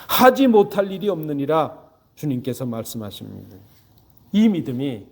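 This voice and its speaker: A man's voice: on the high side, darkish tone. A man preaching a sermon as pastor, earnest and emphatic, building through rhetorical questions. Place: church sanctuary.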